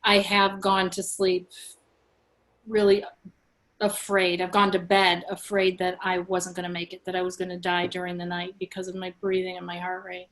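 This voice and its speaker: A woman's voice: on the low side, completely flat delivery, normal speed, a bit bright. A woman speaking candidly and earnestly in a casual video call discussion.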